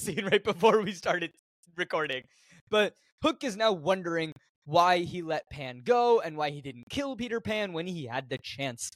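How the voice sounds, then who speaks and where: Young male podcast co-host, high voice, dry close sound, self-mocking and quick to laugh. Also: a bit bright, no echo. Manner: laughs at his own slips, self-mocking. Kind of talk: casual movie-rewatch chat.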